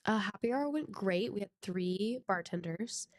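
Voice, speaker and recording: With a medium-pitched voice, lively intonation and a slightly slow delivery, this young woman co-hosts a podcast while congested. Her casual talk wanders, full of self-corrections, restarts and laughter, and there's no room sound.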